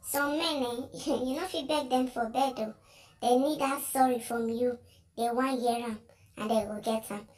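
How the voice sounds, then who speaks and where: A woman's voice: fairly high pitch, fairly even intonation, moderate pace, a little mellow. A woman with a Nigerian accent giving chatty commentary on social media videos, reading out comments and laughing often. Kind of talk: casual commentary in Pidgin.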